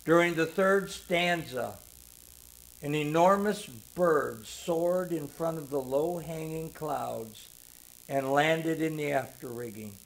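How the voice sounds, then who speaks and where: An older man narrating a sentimental story in the first person, slow and heartfelt. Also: fairly high pitch, gravelly, low-quality recording.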